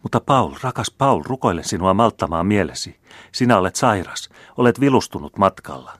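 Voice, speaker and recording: A man's voice: fairly low pitch, animated, a bit bright, no echo, studio quality. A man reading the part of a flighty, worldly baroness who fusses and coaxes her brother. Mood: coaxing. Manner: fussing, coaxing.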